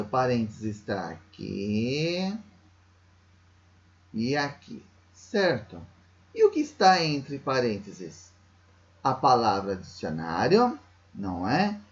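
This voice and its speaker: A man with a medium-pitched voice, recorded with the highs cut off, patiently walks primary school children through a workbook exercise. He speaks with a Brazilian Portuguese accent and keeps checking in with tag questions.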